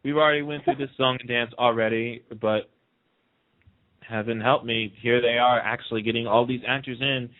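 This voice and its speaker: Over muffled, phone-like audio, a man hosting a talk show chats and pushes his opinions hard, frequently restating a point to drive it home. His mid-range voice moves at a moderate pace with fairly even intonation.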